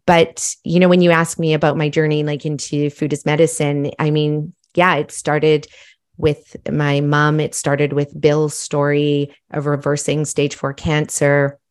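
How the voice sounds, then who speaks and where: Woman guest, middle-aged, from Malawi; deep-set voice; lively, reflective storytelling. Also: a little slow. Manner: animated, self-reflective storytelling. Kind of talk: casual storytelling.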